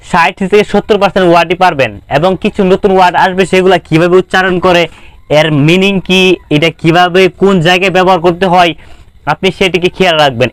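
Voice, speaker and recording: A young Bangladeshi man gives an informal language lesson in a high, smooth voice, repeating himself earnestly to encourage his viewers. His Bengali accent is clear throughout. The recording is close and dry. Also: no room sound. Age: young adult. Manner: repetitive, restarts phrases, earnest and encouraging. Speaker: spoken English teacher. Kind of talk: informal lesson talk to camera.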